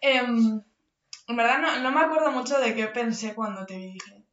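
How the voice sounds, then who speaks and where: A woman's voice: on the high side, moderate pace, fairly bright tone. A young woman, co-hosting a podcast, rambling and poking fun at herself. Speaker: podcast co-host. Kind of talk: casual chat among friends. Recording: echoey room, dull lo-fi sound, faint hiss.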